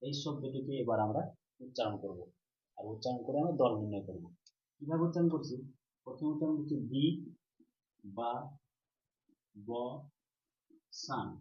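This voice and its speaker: A man's voice: mid-range voice, animated, fast talker. A man teaching an online grammar lesson, asking questions and answering them himself, drawing out syllables. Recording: roomy, slightly dull recording.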